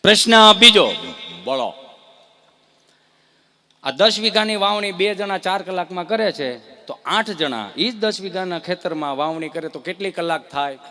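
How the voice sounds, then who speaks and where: A male comedian performs live stand-up, asking the crowd one riddle after another. His voice is sharp and very bright, pitched a little high, and he tells his jokes with animated energy. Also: normal speed. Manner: animated storytelling, rhetorical questions to the crowd.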